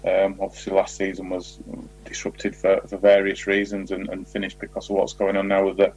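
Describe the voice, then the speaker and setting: A football manager with a very low, slightly rough voice answers interview questions in a measured, explanatory manner. His intonation stays flat and even, and the audio sounds dull and lo-fi, like a radio call.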